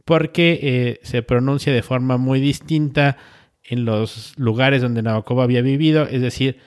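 A man hosting a podcast, talking casually and rambling with frequent pauses. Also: mid-range voice, fairly even intonation, smooth. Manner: rambling, with many filler sounds and restarts. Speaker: podcast host.

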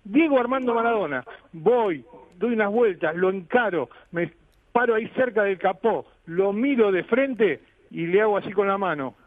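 High-voiced Rioplatense radio co-host. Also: male voice, animated, no room sound, narrow, tinny audio. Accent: Rioplatense Spanish. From Buenos Aires, Argentina. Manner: halting storyteller with many restarts. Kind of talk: comic radio chat.

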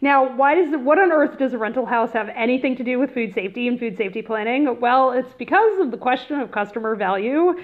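A woman with a slightly high, expressive voice hosts a casual educational podcast, talking a little fast with few pauses and addressing listeners in a chatty, informal way. She records in a room of a rental house, using headphones as a mic, which gives a thin, phone-like sound.

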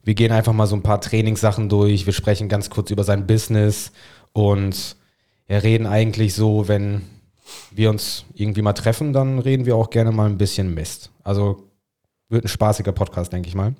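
A man's voice: on the low side, fairly even intonation, brisk, mellow. A man with as his hosting a podcast, bantering crudely, swearing and cutting in with jokes. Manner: joking, interrupting, swears freely. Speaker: podcast host.

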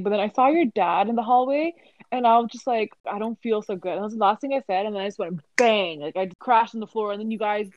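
A woman's voice: fairly high pitch, dry recording, dull audio. Playful young woman, dry close sound. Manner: playful, self-mocking storytelling. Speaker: podcast co-host. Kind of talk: casual chat.

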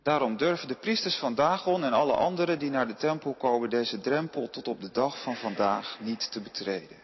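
A man reading a Bible passage aloud at a steady pace, now and then correcting a slipped word. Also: medium pitch, a little fast, slightly rough, long reverb tail, highs cut off. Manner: steady reading with occasional slips and self-corrections. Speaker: scripture reader.

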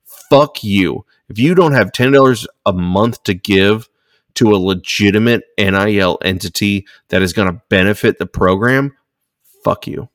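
A man's voice: fairly low pitch, moderate pace, no room sound, clean studio sound. A man co-hosting a podcast, ranting heatedly and swearing a lot. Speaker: podcast co-host. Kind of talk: casual podcast rant.

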